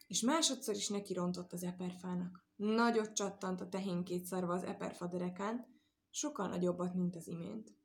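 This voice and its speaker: A woman reading a children's story aloud in a lively, expressive way. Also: mid-range voice. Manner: lively, expressive read-aloud with sound words.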